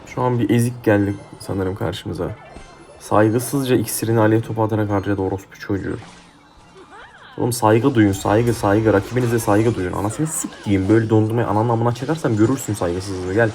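A man's voice: fairly low pitch, brisk, darkish tone. Foul-mouthed young man gaming commentary. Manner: profane, heated trash talk at opponents. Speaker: gaming YouTuber. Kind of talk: live mobile game commentary. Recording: faint game music behind.

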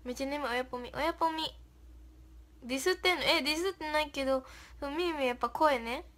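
High-voiced young woman chatting on a livestream. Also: fast talker, a bit bright. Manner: reads viewer comments aloud and thanks them, giggly. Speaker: idol livestream host. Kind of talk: casual livestream chat.

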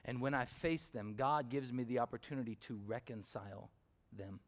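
A man's voice: medium pitch, normal speed. Conversational male pastor preaching. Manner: conversational, uses fillers and asks the congregation questions. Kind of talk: sermon with personal storytelling.

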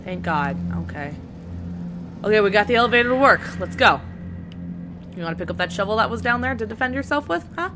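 Young woman let's-play host: sarcastic, sweary, lively up-and-down delivery, noisy background. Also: medium pitch, a little fast, pauses often. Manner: sarcastic, swears and talks to the game characters. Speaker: gaming channel host.

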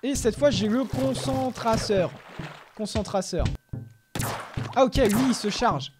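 A man giving live gameplay commentary as a gaming YouTuber, chatting steadily and breaking into shouts and yelps during fights. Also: extremely high pitch, slow pace, music in the background.

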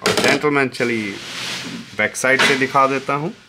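A man's voice: mid-range voice, normal speed. A man running an antique shop, giving a casual, joking demo of an old tape recorder. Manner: chatty and jokey, mixing Hindi and English asides; talks softly so someone outside won't hear. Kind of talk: casual product demo vlog. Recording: noisy room recording.

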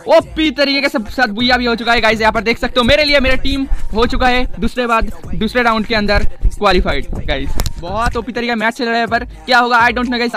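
Young male gaming streamer, very high pitch, hyper and repetitive, soft music underneath. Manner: excitable, repeats words rapidly. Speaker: gaming YouTuber. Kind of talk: casual gameplay commentary.

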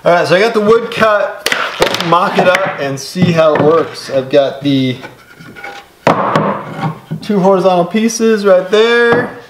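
A man's voice: high-pitched, slow, pauses often. Casual DIY man in an echoey garage. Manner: relaxed, step-by-step explaining with casual fillers. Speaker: DIY builder. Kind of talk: casual how-to instruction. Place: home woodworking garage workshop. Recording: echoey workshop with clear background noise.

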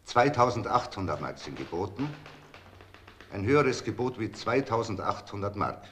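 An actor playing a middle-aged auctioneer, calling out bids in measured, formal phrases in a TV drama. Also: male voice, on the low side, expressive, a bit bright. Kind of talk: screen drama acting. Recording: faint background noise, old TV soundtrack.

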